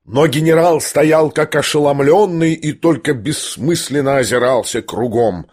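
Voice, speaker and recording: A man's voice: on the high side, unhurried, a little mellow. Man narrating a classic novel steadily. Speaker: audiobook narrator.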